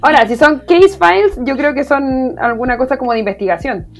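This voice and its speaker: A woman with a Chilean accent, co-hosting a podcast in casual chat and often chiming in with quick agreement. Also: sits high, faint music behind. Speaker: podcast co-host.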